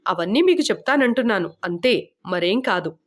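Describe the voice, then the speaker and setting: A woman reading the part of a boastful young man who shows off his knowledge, jumping between eager high lines and low, backpedaling ones. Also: animated, moderate pace, close to an everyday voice.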